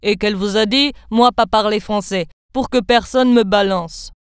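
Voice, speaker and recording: A woman plays an immigrant makeup artist in an animated story, speaking slowly in broken, halting phrases. The voice stays smooth and clear. The sound is dry and close. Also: mid-range voice, dry recording, pitched below the performer's own voice, lightly acted. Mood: confiding.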